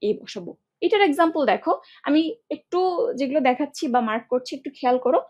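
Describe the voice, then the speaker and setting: Female English tutor, high bright voice, brisk step-by-step explainer who checks in with students. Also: animated. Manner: explains step by step, often checks with "ঠিক আছে?"; colloquial speech mixing in English words. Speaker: English teacher. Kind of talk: online grammar lesson.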